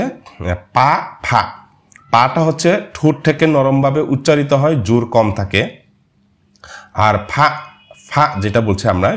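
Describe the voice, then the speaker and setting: A man whose first language is Marma, patiently explaining a screen-share language lesson and often pausing to hesitate. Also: medium pitch. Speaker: language course teacher.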